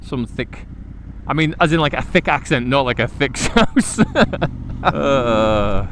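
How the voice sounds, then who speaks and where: Out on the road in traffic, a middle-aged man with a Liverpool accent vlogs from his motorbike, rambling slowly in an animated mid-range voice. He jokes, uses slang, and is self-deprecating, and the recording is full of engine and traffic noise.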